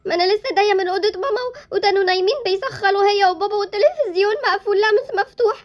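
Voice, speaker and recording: A woman doing a squeaky scared Egyptian girl. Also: rapid-fire. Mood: chatty. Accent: Egyptian Arabic. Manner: nervous laughter, stammering, frightened. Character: scared excitable young girl, the hero's sister. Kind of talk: Roblox story drama.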